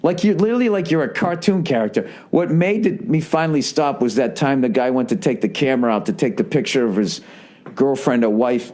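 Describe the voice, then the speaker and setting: A man's voice: medium pitch, a little mellow. A man who is a comedian, telling stories in a rambling, profane podcast monologue and often checking in with the listener.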